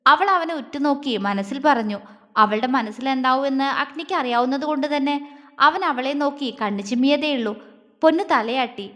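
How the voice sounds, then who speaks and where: A woman storyteller reading a scripted story in a steady, expressive way. Her voice sits high, and a long reverb lingers behind every line. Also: normal speed.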